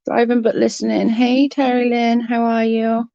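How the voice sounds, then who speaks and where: A livestream host with a fairly high, warm yet gravelly voice talks at a moderate pace with little pitch movement. Though blocked-up, coughing and her voice starting to go, she keeps up casual chat with live viewers, greeting each by name. The recording is dry, with the highs cut off.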